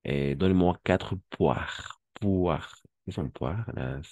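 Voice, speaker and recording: A male language teacher with a very low, dark voice who talks slowly and patiently. He repeats words and corrects pronunciation. The sound is dry and close. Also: no echo. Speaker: French teacher. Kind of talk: language class instruction.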